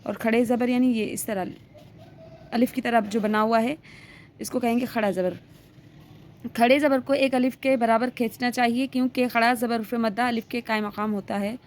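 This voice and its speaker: A woman's voice: fairly high pitch, steady tone, moderate pace, a little mellow, a little hiss or hum. A woman teaching a reading lesson step by step, patiently sounding out letters and stretching the vowels, often checking in as she goes. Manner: keeps checking in with "theek hai".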